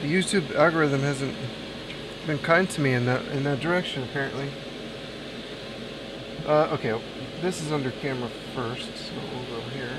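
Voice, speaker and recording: While soldering during a console repair stream, a man chats casually with viewers and thinks aloud between tasks. His voice is medium-pitched at a moderate pace, with frequent pauses. The recording is very noisy.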